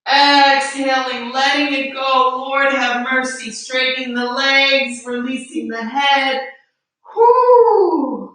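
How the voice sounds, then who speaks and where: High-voiced woman leading yoga, roomy echo. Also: pushed and bright. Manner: encouraging, guiding breath cues. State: a little out of breath. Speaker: yoga teacher. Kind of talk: live yoga class instruction. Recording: roomy echo, distant mic.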